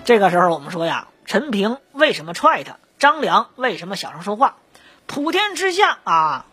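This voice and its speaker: A woman telling a history story in a lively, joking, conversational way. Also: mid-range voice, husky, no echo.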